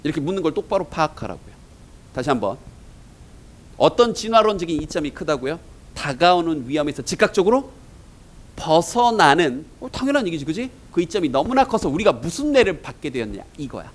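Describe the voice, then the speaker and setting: A man's voice: fairly high pitch, very animated, fairly quick, poor audio. A man teaching an English exam-prep lecture in Korean, asking his students rhetorical questions as he goes.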